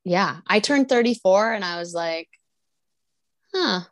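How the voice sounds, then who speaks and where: A woman's voice: medium pitch, animated, unhurried, no echo, studio quality. A woman in her thirties co-hosting a podcast, chatting casually and laughing often. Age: 30s. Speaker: podcast co-host. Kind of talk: casual chat.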